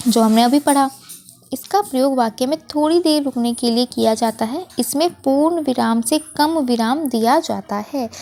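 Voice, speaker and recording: A woman's voice: sits high, mellow. A woman teacher, patiently explaining a worksheet lesson to children and correcting herself as she goes. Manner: patient, explains slowly, frequent self-corrections.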